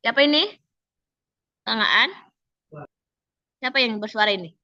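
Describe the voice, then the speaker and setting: A slightly hoarse woman teaches an online class in a bright, forceful voice. She is chatty and quizzes her students by name. The sound is dry and muffled, as over a video call. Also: on the high side, a little slow, no room sound. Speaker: civil service training instructor.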